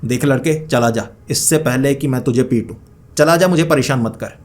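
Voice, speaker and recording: Man doing a rude, gruff young gutkha chewer. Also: medium pitch, normal speed, close to an everyday voice. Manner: blunt, rough, bossy.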